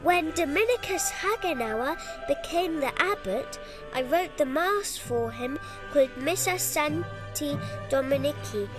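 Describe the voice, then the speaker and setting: A woman voicing a modest, friendly male court composer who calmly tells his own story for an audio guide. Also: sits high, a little slow, music in the background.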